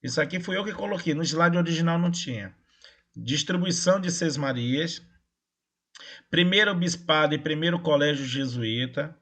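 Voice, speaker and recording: A man teaching history over a video call, his voice pitched a little high for a man. He talks in a relaxed, chatty way and keeps checking that his students follow. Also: moderate pace. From Brazil. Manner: casual, checks in with "tá?" and "né?". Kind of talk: online class lecture.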